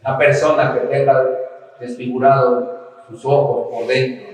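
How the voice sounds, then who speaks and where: A man's voice: medium pitch, level tone, measured pace. A man from Mexico preaching a sermon as pastor, delivering it with impassioned emphasis. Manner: impassioned preaching, rising to shouts in quoted cries. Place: church hall. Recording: echoey church hall, mic at a distance.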